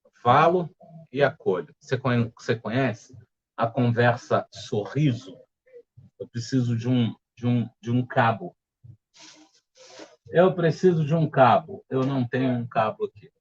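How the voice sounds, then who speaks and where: Brazilian guy leading a spiritual study, slow and calm, muffled low-fi online audio. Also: husky. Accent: Brazilian Portuguese. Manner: calm, gentle, explanatory. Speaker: leader of a spiritual study group. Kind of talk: reflective spiritual study talk. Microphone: home setup with earphones.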